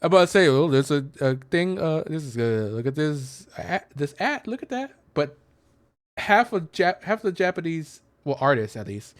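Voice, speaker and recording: This streamer and host talks through his game in loose, wandering commentary, reading text aloud and groping for words as he thinks. He speaks at a normal speed in a fairly high voice that swings widely in pitch, and the recording is dry.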